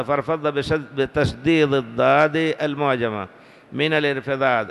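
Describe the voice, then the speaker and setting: A man giving a classical hadith lesson, reading slowly and deliberately and stopping to correct words. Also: medium pitch, fairly bright tone, clear, resonant tone. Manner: slow, deliberate reading with pauses to correct wording. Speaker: hadith teacher. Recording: long hall reverb.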